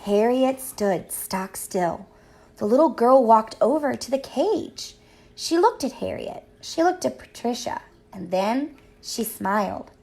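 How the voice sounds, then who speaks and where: Slow, sing-song woman reading a children's book. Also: on the high side, vocal fry. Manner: expressive, sing-song storytelling. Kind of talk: read-aloud storybook narration.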